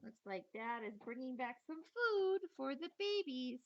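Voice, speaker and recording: A woman teacher with a high voice reads a children's nature book aloud, taking her time and telling it in an expressive, playful way with chatty asides. The recording is muffled.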